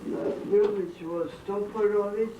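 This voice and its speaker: Recorded on a dull, lo-fi home tape that sounds roomy and distant with a faint hiss, an elderly interviewee speaks in a steady, mid-range voice. Born in Bukovina and later living in Austria, she wanders through family stories at a slow, halting pace during a dinner gathering at home, straying off topic and airing blunt opinions.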